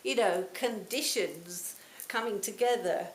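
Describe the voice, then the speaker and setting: In a retreat hall with roomy acoustics and faint hiss, a woman in her sixties gives an unhurried Buddhist talk in a mid-range voice. She tells stories warmly and reflectively, letting her phrases trail off softly.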